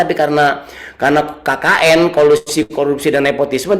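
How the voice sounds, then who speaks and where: A man in his thirties gives a casual youth sermon woven with a personal story. His voice sits slightly high for a man. He talks in a chatty, relaxed way, repeats key phrases and teases his listeners. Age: 30s. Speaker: youth service speaker.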